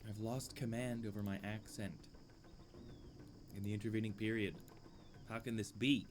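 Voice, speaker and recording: Talking to himself while playing a game, a man offers dry, amused, musing commentary at a desk mic he occasionally pulls away from. His lowish voice holds a steady tone at normal speed, and background noise is present.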